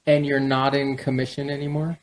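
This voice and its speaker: Host: man with a mid-range voice, relaxed, encouraging, keeps cutting in with short agreements. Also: medium pitch, brisk. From Southern California. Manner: encouraging, with frequent short backchannels. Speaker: podcast host. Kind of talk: casual interview chat.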